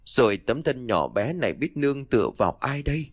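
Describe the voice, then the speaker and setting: A man voicing a young daughter who cries loudly and laments in self-pity in a storybook tale. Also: medium pitch, big pitch swings, a little fast, no echo, clean studio sound, voice pushed up. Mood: wailing. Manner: loud crying lament. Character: young daughter, fake sobbing, self-pitying.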